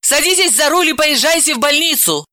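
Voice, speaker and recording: A man voicing a sharp-tongued, bossy woman who scolds and gives orders. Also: extremely high pitch, sing-song, a little slow, no echo, studio quality, voice pushed up, heavily acted. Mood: scolding.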